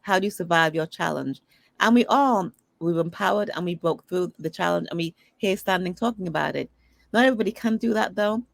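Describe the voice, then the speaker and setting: A middle-aged woman, an interview guest, telling personal stories in a lively, conversational way and acting out the voices of people she quotes. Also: lowish voice, fairly quick, creaky, no room sound. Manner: animated storyteller who acts out dialogue. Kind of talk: conversational storytelling.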